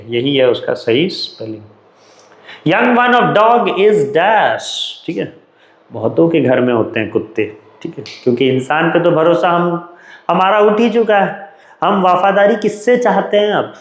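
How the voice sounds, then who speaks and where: Echoey Indian man teaching slowly. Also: on the high side. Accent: Indian English. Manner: chatty, joking, mixes Hindi and English. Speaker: English teacher. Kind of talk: exam revision lesson.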